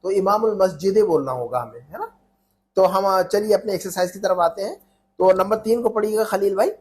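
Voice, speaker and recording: A man's voice: high-pitched, fairly quick, a little mellow, slight background noise. A man teaching an Arabic lesson in Urdu, repeating phrases and checking that students follow.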